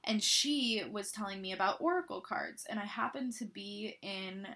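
A woman's voice: mid-range voice, moderate pace, bright, forceful tone. A woman hosting a podcast, talking in a casual, effusive and encouraging self-help influencer manner. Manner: informal, effusive, with frequent "like" and light swearing. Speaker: podcast host.

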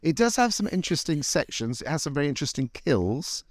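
A man's voice: on the high side, big pitch swings, fast talker, no room sound, studio quality. A British man hosting a show with the theatrical, flamboyant manner of a campy drag queen, chatting comedically. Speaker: podcast host, cult movie show. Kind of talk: casual comedic chat.

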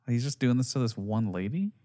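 A man's voice: mid-range voice, dark tone. A man casually reacting to videos as a host, with amused, mocking commentary. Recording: music behind the voice. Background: background music.

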